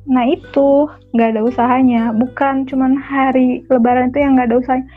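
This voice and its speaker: A woman with a fairly high voice recounts her story in casual chat, slightly upset and quoting the other people. She comes through a tinny, phone-like line, with faint guitar music under her. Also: flat delivery, brisk. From lives in Manado, not originally from there. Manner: chatty, aggrieved storytelling with quoted dialogue. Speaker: caller sharing her story.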